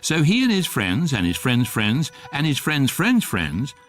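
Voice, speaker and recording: An actor playing an authoritative electronic guidebook narrating a radio comedy, droll, precise and deadpan. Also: male voice, mid-range voice, a little slow. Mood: droll, explanatory.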